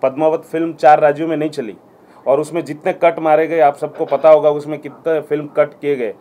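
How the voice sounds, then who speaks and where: A man's voice: on the high side, flat delivery, a little fast, mellow. A man representing an organization, making a firm statement to the press with some hesitations. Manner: firm, declarative, with hesitation fillers.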